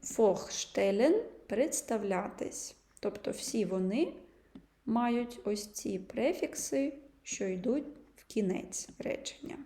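A woman teaching a language lesson, patiently explaining and slowly sounding out example words. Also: a little high, animated, warm tone, roomy sound. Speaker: German teacher.

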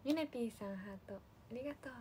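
A woman's voice: a little high, fast talker, slight background noise. Chatty woman livestreaming to fans. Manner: chatty, thanks viewers by name, soft and friendly. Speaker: idol livestream host. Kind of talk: casual livestream chat with fans.

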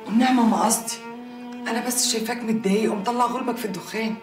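A woman's voice: a little high, racing, echoey room, over music, close to an everyday voice. An actress playing a doting, nosy woman who coaxes a man to open up, speaking expressively with an Egyptian accent. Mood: coaxing. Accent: Egyptian Arabic. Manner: coaxing, expressive.

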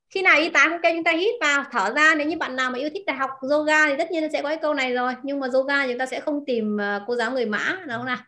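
A woman teaching a language class, repeating words slowly and asking her students questions. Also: sits high, sharp tone. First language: Vietnamese. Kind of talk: explaining vocabulary to a class.

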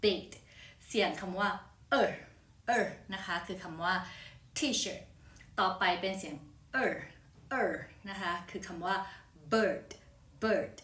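A young woman teaching an English phonics lesson in a friendly, polite, chatty way, slowing down to show each word. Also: on the low side, flat delivery, sharp tone. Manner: chatty, polite, slow deliberate word demonstrations. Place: hot room. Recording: roomy echo, voice from a distance.

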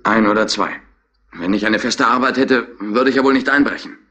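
A man's voice: fairly low pitch, moderate pace, bright, forceful tone. A man playing a sullen, defiant young petty burglar in a 1960s radio crime drama, giving impatient answers. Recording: old radio play with faint hiss.

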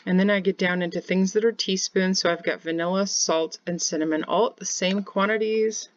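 A woman's voice: on the low side, steady tone, fairly quick, lo-fi sound. A woman in her forties, from Kansas, giving a plain step-by-step screen-share tutorial from home as a home bakery teacher. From Kansas, United States. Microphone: webcam in corner of screen share.

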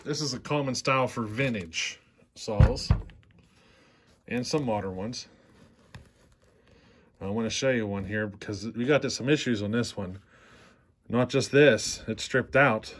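This man's mid-range voice has a breathy edge, and he talks a little slowly with long pauses. Hosting a chainsaw repair channel from his workshop bench, he demonstrates plainly and unhurriedly, often saying "see how".

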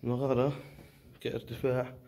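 A man with a Palestinian Arabic accent giving unscripted, observational commentary while filming in a rock cave, pausing to speculate. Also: mid-range voice, level tone, dark tone. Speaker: cave explorer filming and narrating. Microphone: handheld phone or camera. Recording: faint noise, handheld camera audio.

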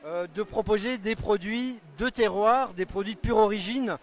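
A man in his forties with a fairly high voice hosts a live stream at a crowded trade stand. He explains fluently and at length, holding a handheld mic in a big indoor exhibition hall. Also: moderate pace. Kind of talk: live event interview and explanation.

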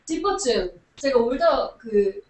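Give me a high, bouncy-voiced young woman on a noisy live stream, heard from a distance in a roomy space. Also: expressive, slow, over a noisy crowd. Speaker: idol group member. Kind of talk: casual live broadcast chat.

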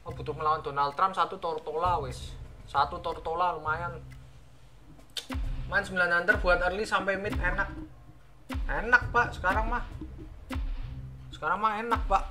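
A young Javanese-accented man with a fairly high voice, muttering and joking his way through a strategy game. He talks in a loose, playful run, repeating words to himself in a sing-song way. Game music plays clearly behind him the whole time. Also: pushed and bright. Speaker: gaming channel host. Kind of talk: casual gameplay commentary.

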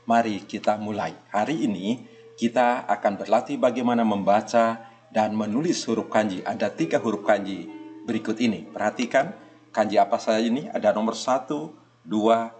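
A man teaching a Japanese kanji lesson. He speaks patiently, repeats small checks and gives a soft laugh now and then. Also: on the low side, moderate pace, soft background music. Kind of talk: online language lesson.

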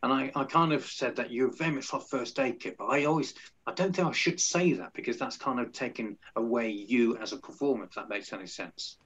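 A man hosting a podcast, enthusiastic but halting, with many restarts. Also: mid-range voice, fairly bright tone, slightly rough. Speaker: podcast host. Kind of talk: casual podcast interview. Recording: dull lo-fi sound.

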